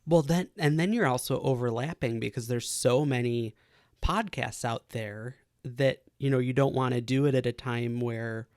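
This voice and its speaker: A man hosts a casual podcast interview, praising his guest effusively and admiringly in a mid-pitched, darkish voice at normal speed. The recording is dry, with very little room sound and no echo.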